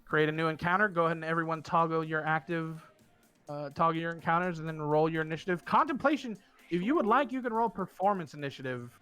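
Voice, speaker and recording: A man speaking as game master, narrating and giving instructions in a halting, informal way with casual swearing. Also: fairly high pitch, bright, forceful tone, clean tone. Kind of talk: narrating and running a tabletop game. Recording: music behind the voice. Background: music.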